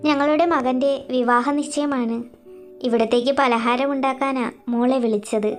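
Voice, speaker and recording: Kindly middle-aged hostess played by a woman, gentle and high-pitched. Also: steady tone, normal speed, faint music behind, close to an everyday voice. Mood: welcoming. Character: kindly middle-aged lady of a big house.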